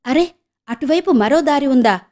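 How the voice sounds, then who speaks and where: An earnest young village woman, as a woman narrator voices her in a storybook reading, pleading with a slightly high voice. She speaks with sincere urgency, keeping the everyday sound of the reader's own voice. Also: expressive, normal speed, darkish tone. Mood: anxious, pleading. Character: young village woman searching for lost brother.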